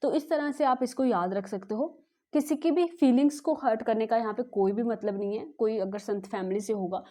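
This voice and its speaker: Chatty woman teacher, higher mellow voice. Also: normal speed. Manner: chatty, ends almost every sentence with a checking "okay?"; mixes English words into Hindi. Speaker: exam coaching teacher. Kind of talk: exam-prep lesson teaching memory tricks.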